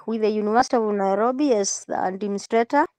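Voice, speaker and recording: A woman's voice: mid-range voice, quick pace, darkish tone, dry recording. A woman from Kenya, a university administrator, introducing herself carefully and repeating herself.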